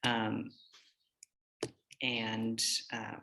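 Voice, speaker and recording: Presenting slides informally at a conference, this American teacher sounds conversational and hesitant. His low, creaky voice has a sharp tone and a completely flat delivery, with drawn-out words. Slight background noise is audible.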